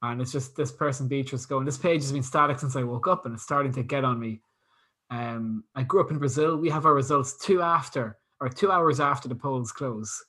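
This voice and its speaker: A man chats casually as host, telling stories with a laugh in his voice. His tone is bright and lively, with a husky edge to it. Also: medium pitch, a little fast. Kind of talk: casual chat.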